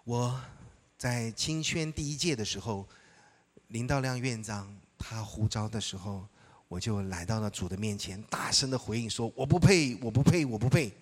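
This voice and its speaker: A man's voice: on the low side, moderate pace. Middle-aged guy pastor preaching, tells stories, does the voices, laughs a lot. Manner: animated, acts out dialogue, laughs often. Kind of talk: sermon with personal storytelling.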